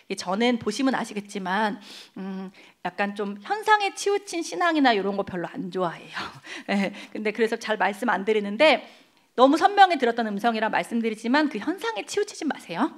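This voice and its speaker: A woman's voice: a little high, big pitch swings, brisk. A middle-aged woman speaking at a church service, telling a personal testimony with emotion and acting out the dialogue. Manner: emotional storytelling, acts out quoted dialogue.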